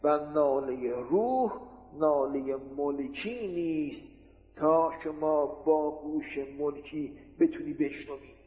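A man giving a religious lecture, explaining with rhetorical questions and everyday examples. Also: a little high. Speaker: preacher. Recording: tinny lo-fi recording in an echoey hall.

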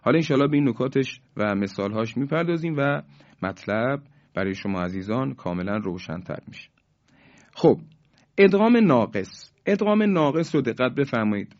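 A man gives a tajwid lesson on Quran recitation. He explains patiently step by step, slowing down and stretching out the sounds as he demonstrates them. His voice has a middle pitch, and the recording sounds a little dull and lo-fi. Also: animated. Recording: slightly dull, lo-fi.

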